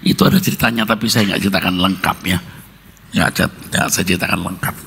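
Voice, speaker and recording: A man preaching a sermon as a pastor, telling personal stories in an animated way with jokes and sound effects. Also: sits low, quick pace, gravelly, big-room sound, a little hiss or hum.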